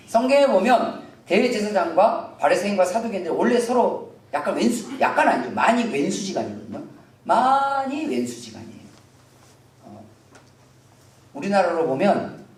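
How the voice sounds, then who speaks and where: A male pastor preaching a Sunday sermon in a conversational, animated way, joking with the congregation and acting out what people in the story shout. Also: high-pitched. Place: church sanctuary. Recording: roomy hall, voice from a distant mic.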